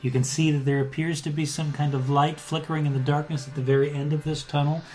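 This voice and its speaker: A man running a tabletop game as game master, improvising scene descriptions in a halting way, rephrasing as he goes. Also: a little high, flat delivery, darkish tone.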